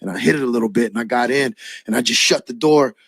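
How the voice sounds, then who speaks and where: A man preaching his own testimony as a lively storyteller, acting out the dialogue and dropping a casual "man" now and then. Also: mid-range voice, fast, vocal fry, slightly rough, dry recording, studio quality. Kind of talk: spoken personal testimony.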